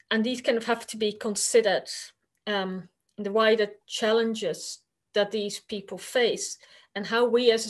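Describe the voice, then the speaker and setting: Over a video call, a woman with a Dutch accent gives an academic conference talk; Dutch is her native tongue. She has a mid-range voice and speaks in a loose, halting style packed with filler words.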